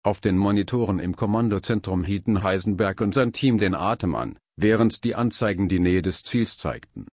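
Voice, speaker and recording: A man narrates a scripted story with an even, dramatic delivery. His voice sits fairly low, and the close recording is dry with no room sound. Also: moderate pace, few pauses, dry recording.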